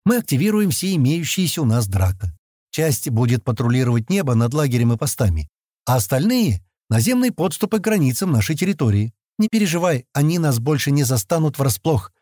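A man's voice: medium pitch, big pitch swings, fairly quick, dark tone, no echo, clean studio sound, pitched above the performer's own voice. A man voicing a clever, decisive female alien colonist leader who speaks firmly and commands. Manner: firm, commanding.

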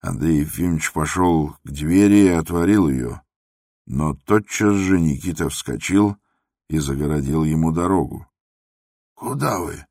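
A man narrating a literary drama in a measured, grave manner. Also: rumbling low, mellow, no echo, studio quality.

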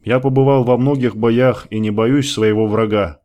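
A man's voice: mid-range voice, steady tone, normal speed, dark tone, dull audio, close to an everyday voice. A man voicing an earnest young idealist fighter who pleads and promises, in an audiobook reading. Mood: defiant. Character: young idealistic male rebel, earnest and in love.

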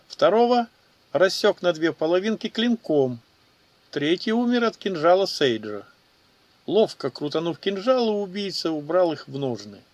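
Male audiobook narrator: steady, even fantasy reading, slightly raised pitch. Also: normal speed, dry recording. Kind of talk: scripted narration of fantasy fiction.

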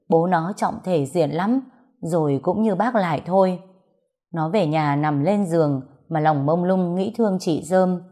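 Woman narrating a story, low voice. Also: mellow. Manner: reads all the characters' dialogue in her own voice. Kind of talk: scripted narration.

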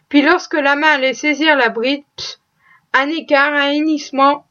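High-voiced woman reading a novel aloud. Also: fairly bright tone. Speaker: audiobook reader. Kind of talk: scripted narration. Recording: dull lo-fi recording.

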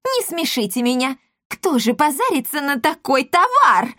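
A woman voicing a scornful matchmaker who mocks the bride's family and hurries off, in a high drawn-out voice. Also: expressive, no echo, clean studio sound. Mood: mocking. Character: shrill matchmaker woman, mocking and quick to flee.

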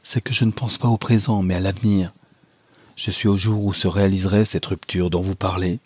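A man's voice: low voice, steady tone, brisk, darkish tone, breathy edge. A man voicing a passionate young lover, speaking vehemently in an audiobook reading. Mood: hopeful.

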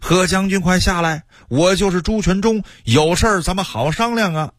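A man's voice: medium pitch, big pitch swings, normal speed, husky, no room sound, clean studio sound. A man voicing a cunning, bold middle-aged warlord in a radio storytelling show, speaking in a boastful, coaxing way.

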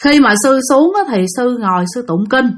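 A woman's voice: high-pitched, animated, normal speed, slight background noise. A woman telling a ghost story in a casual, chatty way, often speaking straight to her listeners. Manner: chatty, addresses listeners directly.

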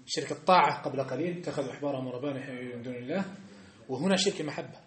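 A man's voice: medium pitch, racing, very noisy. A man teaching a religious text class, explaining verses and often asking his students whether they have understood. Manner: lively, quizzes students often. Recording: echoey classroom.

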